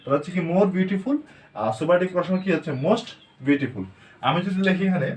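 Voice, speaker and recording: A Bangladeshi man teaching English grammar, asking questions and answering them himself, sounding words out slowly. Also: high voice, expressive. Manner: asks and answers his own questions, slow word-by-word drilling. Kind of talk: spoken grammar lesson with questions to students.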